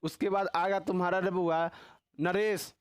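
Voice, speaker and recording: A man's voice: high voice, little pitch movement, measured pace, clear, resonant tone. A man teaching a casual grammar class, teasing and quizzing his students with constant tag questions.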